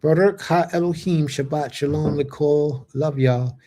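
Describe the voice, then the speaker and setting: A man in his late thirties hosts a religious fellowship livestream in a slightly high, unhurried, warm voice. He reads viewer comments aloud and answers them in easy chat, sprinkling in Hebrew blessings.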